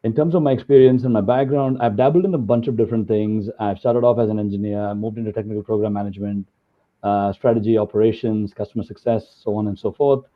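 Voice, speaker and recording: A man's voice: on the low side, fairly even intonation, fast. Man on a tinny video call. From India. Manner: filler-heavy, conversational. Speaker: guest speaker. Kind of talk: webinar talk with slides. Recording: tinny phone-like call audio.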